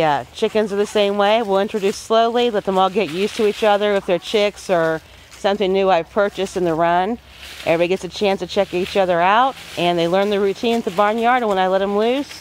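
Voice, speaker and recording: A woman's voice: medium pitch, fairly quick, slight background noise, poor audio. A woman homesteader giving a casual voice-over, plain-spoken and folksy with homey farm phrasing.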